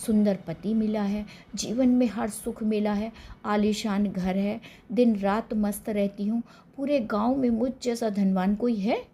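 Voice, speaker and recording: A proud young wife who scoffs at worship and boasts of her comforts, played by a woman narrator. The voice is breathy and mellow, and the talk is dismissive. It comes from a spoken devotional story. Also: medium pitch, steady tone, unhurried. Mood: boastful.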